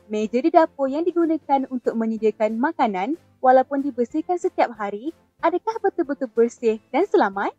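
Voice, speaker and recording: A Malaysian woman with a fairly high voice delivers a scripted infomercial pitch in the manner of a TV shopping announcer. Her wording is carefully enunciated and promotional. The audio is slightly dull, with music playing underneath. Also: darkish tone, no echo. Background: background music.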